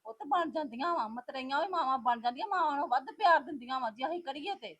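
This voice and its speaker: A woman's voice: high voice, expressive, fast talker, lo-fi sound. A woman playing a married daughter, talking in a pleading and reproachful way in a family web drama. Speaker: married daughter visiting her mother.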